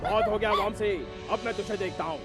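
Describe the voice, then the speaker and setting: A man voicing a scornful, menacing film villain, pitched high for a man and sharp with threats. He taunts his rival in a dubbed action movie. Loud background music sits under the lines. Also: brisk, lightly acted. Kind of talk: Hindi film dubbing.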